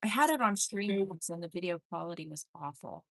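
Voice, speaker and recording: Female paranormal live streamer, gravelly fry, dry close sound, casually addressing spirits and chat by name. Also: lowish voice, lively intonation, fairly quick, a bit bright, dry recording. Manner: addresses spirits and viewers by name, relaying replies aloud.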